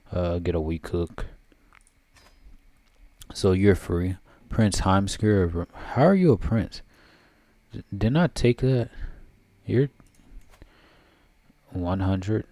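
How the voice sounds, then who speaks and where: A man's voice: low-pitched, takes it slowly, pauses often, warm tone, no echo. A man giving casual let's-play commentary, thinking aloud and reading game text as he plays. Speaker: gameplay commentator.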